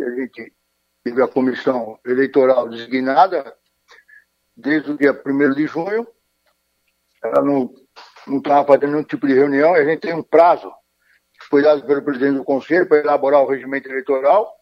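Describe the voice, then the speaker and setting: A man's voice: mid-range voice, brisk, long pauses, no room sound. A man speaking formally as a radio guest over a choppy phone line that keeps breaking up, with frequent hesitations. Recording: muffled dry phone call.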